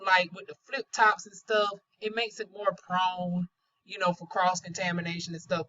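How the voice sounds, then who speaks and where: Chatty and candid, a Southern aesthetician and beauty vlogger from North Carolina reviews a product with folksy slang and playful euphemisms. Her lowish voice is bright and forward, and she has trouble with R sounds. The audio is slightly dull and lo-fi, with a little hiss or hum.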